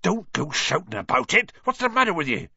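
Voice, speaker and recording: Storybook gamekeeper, put on by a male reader: secretive, shifty, hushed warnings. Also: fairly high pitch, big pitch swings, fairly quick, no echo, muffled recording, voice pushed up, exaggerated voice. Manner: shifty, hushing, gruff warnings.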